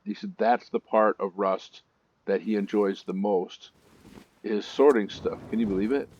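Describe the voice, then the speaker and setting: A man's voice: on the low side, measured pace, a little mellow, highs cut off, a little hiss or hum. A man hosting a let's-play gaming video, telling stories in a chatty way with nervous asides.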